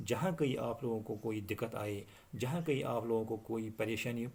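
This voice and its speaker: Man teaching, reading English lines slowly. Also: medium pitch, a little mellow, slightly rough. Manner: reads English lines slowly, then explains them. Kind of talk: explaining an English lesson.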